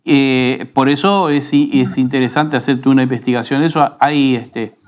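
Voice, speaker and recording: Argentine pastor teaching in an unhurried tone. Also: male voice, medium pitch. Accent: Rioplatense Spanish. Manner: unhurried, teaching tone with frequent rhetorical tag questions. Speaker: pastor and radio program host. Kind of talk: conversational preaching.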